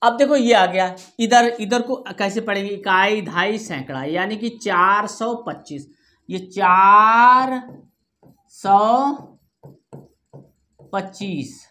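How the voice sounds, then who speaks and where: A woman of medium pitch teaches a primary maths class in an unhurried, slightly bright voice that hardly pauses. Patiently, she repeats numbers digit by digit, checking often with "theek hai" whether the children understand.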